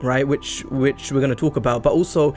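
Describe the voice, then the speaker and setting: A man's voice: mid-range voice, fairly even intonation, a little fast, darkish tone, soft background music. A man hosting a casual podcast chat, talking earnestly and often restarting his sentences. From England. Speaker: podcast host.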